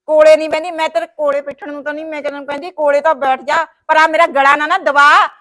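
A woman's voice: sits high, flat delivery, fast, a bit bright. A woman with a Punjabi accent playing a fretful sister-in-law who scolds and wails dramatically in a village short film. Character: fretful sister-in-law caring for her brother's wife.

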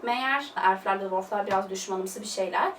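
A woman's voice: medium pitch, normal speed, fairly bright tone. A young woman chatting through a casual film review, gushing and loose, full of fillers. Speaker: film vlogger. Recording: roomy, distant mic, faint hiss.

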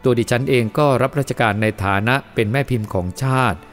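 A man reading a first-person moral story aloud as the storyteller, in a steady, measured way. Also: mid-range voice, soft background music.

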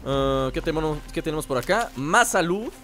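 A man giving excited let's play commentary, teasing and shouting in bursts. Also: a little high, normal speed, loud music behind the voice. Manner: excitable, loud outbursts, teasing, sings along. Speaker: gamer.

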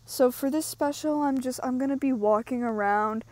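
A young adult YouTuber with a slightly high voice rambles through a casual walking vlog at the edge of the woods, stuffing her sentences with ums and likes. Her deadpan, self-mocking humor comes at a moderate pace, and she's a bit out of breath from walking uphill. She talks into a wired earbud headset mic with the phone held low, and there's no echo.

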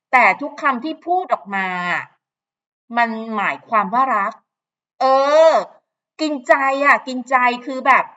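A woman's voice: sits high, sharp tone, dull audio. A woman hosting her own channel, chatting casually and gossipily about a celebrity interview, with frequent fillers and asides. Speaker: channel host. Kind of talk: casual commentary to camera.

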